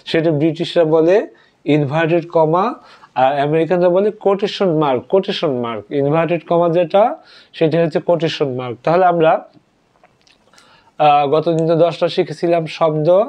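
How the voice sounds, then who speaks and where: A man teaching an English vocabulary lesson, spelling words out letter by letter and repeating them slowly. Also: a little high, darkish tone. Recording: dull lo-fi audio.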